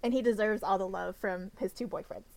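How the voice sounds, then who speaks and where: A woman's voice: medium pitch, steady tone, brisk, creaky, darkish tone. A young woman talking casually and enthusiastically about favorite characters, full of fillers and restarts. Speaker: podcast co-host discussing novels. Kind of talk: casual fan discussion.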